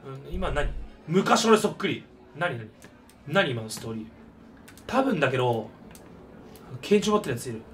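Excitable high-voiced man gaming. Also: moderate pace, long pauses, far from the mic, a little hiss or hum. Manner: excitable, loud shouted reactions. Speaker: gaming YouTuber. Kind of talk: gameplay commentary.

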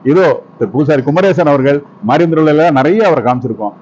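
A man working as a TV host, giving effusive live commentary and quick introductions of speakers at an event. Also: a little high, expressive, darkish tone. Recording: dull lo-fi sound.

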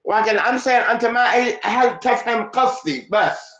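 A man's voice: very high-pitched, a little slow, pushed and bright. A man teaching a lesson in a mosque as imam, playful and joking, switching between Arabic and English. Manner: playful, mixing Arabic and English, laughing asides. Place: mosque hall. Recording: echoey mosque hall, dull sound.

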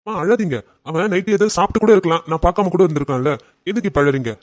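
A man's voice: sits high, animated, very fast, no room sound, studio quality. A man voicing a kind, respectful young auto driver who soothes an upset mother in a cartoon family drama. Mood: soothing.

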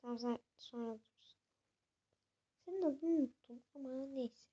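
A woman's voice: sits high, normal speed, breathy edge, lo-fi sound. A young woman hosting a horror game let's-play, chatting with viewers and jumping at scares. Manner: chatty, jumpy, talks to viewers. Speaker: gaming channel host.

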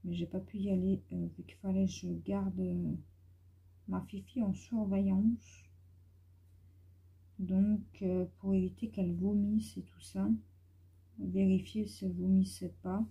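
A woman's voice: medium pitch, flat delivery, unhurried, creaky, mellow, slightly rough, dull audio. A woman with a young son chatting casually and rambling with many fillers while she colors at home. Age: adult with a young son. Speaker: YouTuber coloring on camera. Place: at home indoors.

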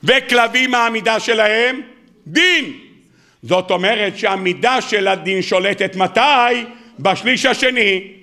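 A man giving a lively, joking weekly sermon as a rabbi, often asking his audience questions and answering them himself. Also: sits high. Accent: Israeli Hebrew. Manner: acts out quoted speakers in a raised, mocking voice. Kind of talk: lively Torah sermon to a congregation. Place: synagogue or study hall before an audience.

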